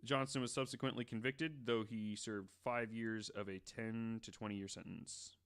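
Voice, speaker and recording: A podcast host on a casual show reads out facts, then breaks off to riff with joking, profane asides. His voice is fairly low, smooth and fairly bright, with a steady tone at a moderate pace.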